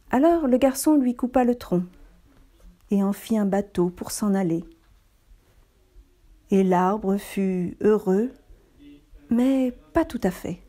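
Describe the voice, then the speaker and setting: A woman reading a children's picture book aloud in a calm, measured storytelling voice. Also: a little high. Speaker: reader.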